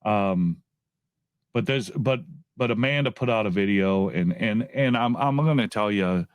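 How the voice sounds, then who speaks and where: A man's voice: on the low side, a little slow, clear, resonant tone, no echo. A man ranting casually to his viewers as a YouTube commentator, profane and repetitive, often restarting his phrases. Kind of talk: casual rant to camera.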